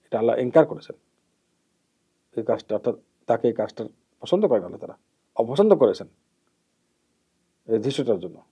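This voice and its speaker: A man giving a measured hadith lesson as an Islamic preacher, repeating key terms and letting his phrases trail off softly. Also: mid-range voice, sing-song, slightly rough. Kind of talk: hadith lesson, explaining and admonishing. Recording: dull lo-fi recording.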